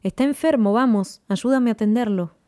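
A woman's voice: a little high, normal speed, dark tone, pitched above the performer's own voice, close to an everyday voice. A woman voicing worried male crewmen of a space expedition, calling out urgently. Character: anxious crewmen of a rocket expedition.

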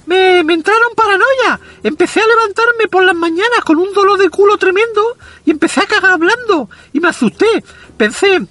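Squeaky, effeminate macho man. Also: animated, moderate pace, sharp tone, no room sound, exaggerated voice. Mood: rambling, boastful. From Andalusia, Spain. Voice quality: squeaky, effeminate, unbroken boyish voice. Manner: crude, rambling anecdotal delivery. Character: foul-mouthed self-proclaimed macho Andalusian man with a squeaky effeminate voice. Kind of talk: comic character monologue.

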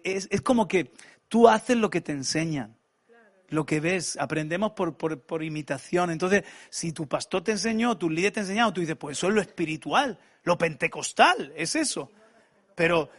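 A man from preaching a sermon, with animated, colloquial storytelling and asides. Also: high voice. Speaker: pastor.

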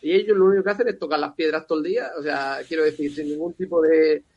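A man's voice: on the high side, fairly even intonation, quick pace, a little mellow, dry recording, highs cut off. A man chatting casually about films as a podcast panelist, conversational and given to exasperated rhetorical asides. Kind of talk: casual film discussion.

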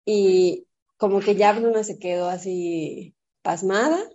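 Mexican woman, 30s, lively storyteller, swears casually, slightly dull lo-fi sound. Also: slow pace. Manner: animated, acts out quotes in a high voice, swears freely.

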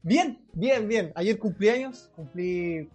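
A man's voice: high voice, lively intonation, takes it slowly, a little mellow, slightly rough, soft background music. A Chilean man co-hosting a podcast, telling stories in a laughing, joking casual chat. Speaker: podcast co-host.

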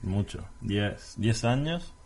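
A man in his thirties from Italy, speaking with an Italian accent as a guest in a casual chat, talking in a hesitant, halting way. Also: fairly low pitch, animated, vocal fry, darkish tone.

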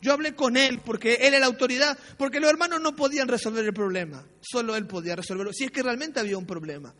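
A pastor with a very high-pitched, fairly bright voice talks fast as he tells self-mocking stories from his past during a sermon. He keeps checking in with short tag questions, and his words fade into the long reverb of a church hall.

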